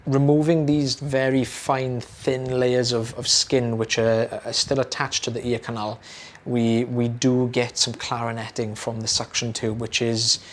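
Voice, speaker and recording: Hardly pausing, a young British audiologist explains a procedure to camera at a measured pace in a mid-range voice. He's relaxed and talkative, with plenty of fillers and repetition, and his voice is slightly hoarse, as if he's losing it.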